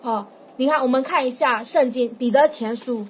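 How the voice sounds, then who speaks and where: A woman preaching informally to a small group, telling a story in a chatty, animated way. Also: high-pitched, normal speed. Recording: dull lo-fi with faint noise.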